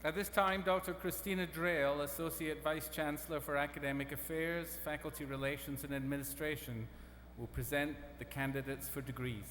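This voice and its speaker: A man's voice: fairly high pitch, fairly even intonation, brisk, few pauses, fairly bright tone. A man officiating a ceremony with a formal podium speech in a large hall. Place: large hall over a PA system. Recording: echoey hall, faint background noise.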